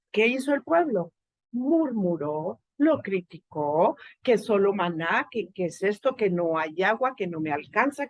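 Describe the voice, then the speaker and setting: A woman with a Guatemalan accent giving a faith talk to a live group, lively and full of rhetorical questions to her listeners. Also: mid-range voice, low-quality recording. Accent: Guatemalan Spanish.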